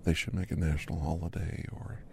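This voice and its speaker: A man's voice: deep voice, flat delivery, a little fast, gravelly, a little mellow. A man doing a whispered role-play as a chatty doctor in his fifties who gives a massage, rambling easily in a half-whispered voice. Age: 50s. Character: chatty fifty-something male doctor giving a massage. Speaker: ASMR host.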